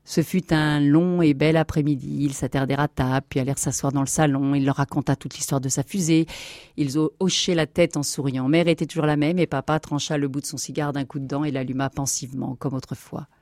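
A woman with a low, dark voice reads a story aloud in a measured, softly expressive way. The recording is close and completely dry. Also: no room sound. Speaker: narrator. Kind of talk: audiobook story reading.

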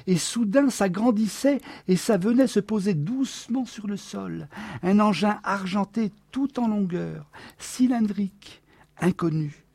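A man reading aloud, voicing a wistful, excitable woman who eagerly recounts a strange dream. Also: medium pitch, dry recording, voice pushed up. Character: dreamy, wistful Martian wife, restless and excitable.

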